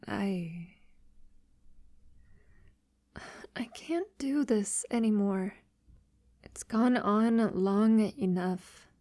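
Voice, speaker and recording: In an intimate ASMR audio roleplay, a woman plays a centuries-old, wealthy vampire lover, speaking softly and half-whispering with hesitant pauses. Her mid-range voice sounds hesitant and uneasy. The recording is studio quality with no echo.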